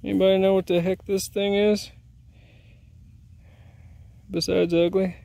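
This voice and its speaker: A man's voice: high voice, flat delivery, unhurried, creaky, warm tone, no room sound. A man casually narrating an outdoor arrowhead hunt in a crop field, easygoing and self-deprecating, recorded on a handheld camera. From Indiana. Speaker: arrowhead hunter filming his finds. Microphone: handheld camera mic.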